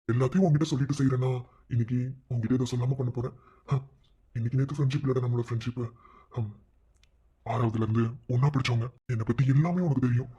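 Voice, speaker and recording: A man voicing a lovestruck teenage schoolboy in a cartoon, musing softly to himself. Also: mid-range voice, breathy edge, close to an everyday voice. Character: lovestruck teenage schoolboy, devoted to his friend. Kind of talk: cartoon voice acting. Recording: dull lo-fi recording.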